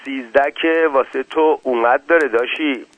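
A man voicing a timid, soft-spoken male gambler who stammers politely. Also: mid-range voice, no echo, natural voice. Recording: tinny phone-like, dry.

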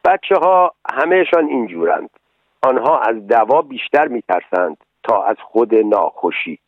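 A man voicing a stubborn, whiny wooden puppet boy in a storybook reading, with high, pleading protests over a tinny radio broadcast. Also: very animated, no room sound. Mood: contrite.

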